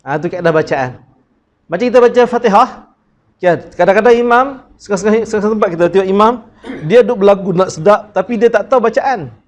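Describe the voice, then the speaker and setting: A man with a Malaysian Malay accent teaching Quran recitation in a class, drilling syllables and chanting verses slowly. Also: sits high, lo-fi sound. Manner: drills sounds by repeating syllables, asks the class questions.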